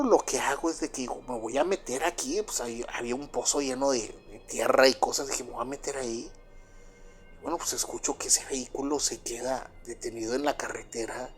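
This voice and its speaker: A man with a Mexican accent telling a first-person true story, rambling with lots of fillers and tag questions. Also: medium pitch. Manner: rambling, filler-heavy with frequent "pues" and "¿verdad?".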